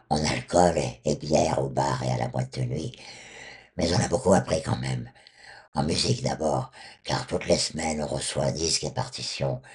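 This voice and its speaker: An older man with a hoarse, honking duck-like voice, recounting his memories at a measured pace as a former singer. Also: rumbling low. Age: 60s or older. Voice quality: honking duck-like voice, hoarse and rough from removed vocal cords. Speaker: former rock singer, interview guest.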